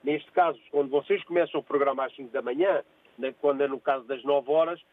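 A man's voice: medium pitch, steady tone, quick pace. An older man born in Angola, calling in from work to a radio show, chatting and often repeating himself. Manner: repeats phrases, hesitant restarts. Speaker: caller. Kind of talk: phone-in chat. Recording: tinny phone line.

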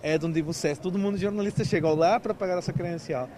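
A man of about thirty from Mexico, a native Spanish speaker with a Brazilian-style Portuguese accent, chats casually as an event volunteer in an interview full of fillers and restarts. His voice sits high and darkish, and he talks quickly. There's a little hiss or hum in the recording.

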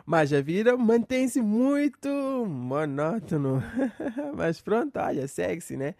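A man's voice: high voice, sing-song, slow, gravelly, darkish tone, dry recording, studio quality. A man from Cape Verde doing a wry, complaining comic monologue. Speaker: comedian.

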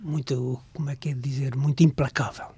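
An older man with a European Portuguese accent, a writer and journalist reminiscing as a guest in a radio interview, halting and breaking off words, sometimes dropping to a near whisper. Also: mid-range voice, steady tone, warm tone, husky.

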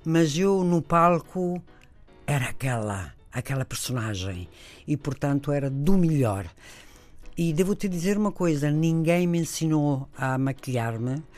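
An older woman from Italy with an Italian accent, telling stories as a radio interview guest in an animated, expansive way. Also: sits low, unhurried, soft background music.

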